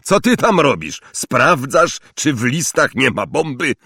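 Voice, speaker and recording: A man's voice: mid-range voice, wildly swooping pitch, slow, no echo, clean studio sound, exaggerated voice. A man reading an audiobook voices a blustering, bullying middle-aged uncle who barks and snaps. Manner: gruff, barking and snapping.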